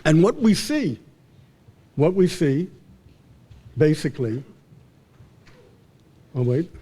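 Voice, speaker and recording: With a warm, sing-song voice pitched on the high side, a male professor gives an unscripted academic lecture. His delivery halts, and he frequently repeats himself or starts phrases over.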